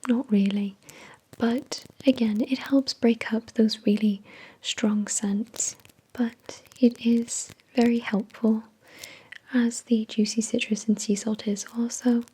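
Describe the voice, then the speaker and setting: A woman hosting an ASMR product review in a soft, breathy whisper, with an unhurried, measured delivery. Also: fairly high pitch, steady tone. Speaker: ASMR video host.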